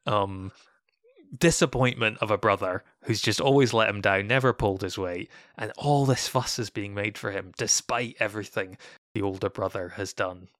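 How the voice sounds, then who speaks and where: A man's voice: on the low side, a bit bright, no room sound, clean studio sound. A man co-hosting a podcast, explaining a Bible story in a reflective, casual way. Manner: reflective, explanatory, acts out quoted voices. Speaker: podcast co-host.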